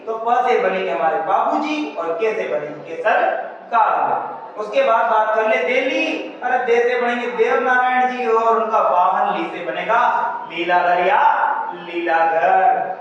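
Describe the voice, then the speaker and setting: A high-voiced male teacher runs a classroom lesson, firing questions and having students repeat answers back to him. His voice carries from a distance through a strongly echoing room. The recording is dull and lo-fi, with a faint hiss behind it. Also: a bit bright. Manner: call-and-response questioning, addressing students as beta. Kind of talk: classroom exam-prep lesson. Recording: echoey room from far off, dull lo-fi sound.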